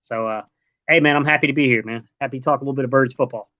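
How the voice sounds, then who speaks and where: A man in his late thirties from Delaware, a guest in a casual sports podcast chat, relaxed and rambling, dropping "man" often. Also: mid-range voice, racing, dry recording. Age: 30s. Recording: dull lo-fi online call audio.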